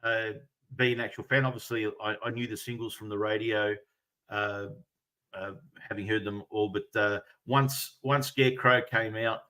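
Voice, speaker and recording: A middle-aged man chatting as a panellist and music fan, pausing hesitantly in the middle of phrases. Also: fairly low pitch, fairly even intonation, sharp tone, poor audio. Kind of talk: casual chat.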